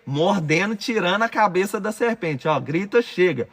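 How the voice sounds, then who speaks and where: A man's voice: sits high, lively intonation, normal speed, heavy background noise. A man with a Brazilian accent guiding listeners through a visualization exercise, giving urgent, commanding directions as a course instructor. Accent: Brazilian Portuguese.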